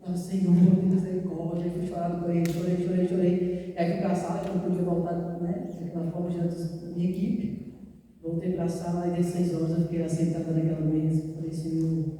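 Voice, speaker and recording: A woman's voice: on the low side, completely flat delivery, brisk, warm tone. A woman giving a testimony sermon in a church, telling her story earnestly and often addressing the congregation as brothers. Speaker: guest preacher. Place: church hall. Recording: echoey church hall, voice from far off.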